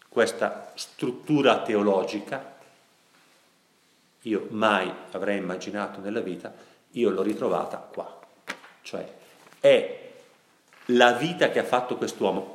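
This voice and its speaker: A priest giving a sermon, telling a story and putting questions to his listeners, often slowing down for emphasis. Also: fairly low pitch, fairly bright tone, roomy sound. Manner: storytelling, asks the audience questions, slows down for emphasis.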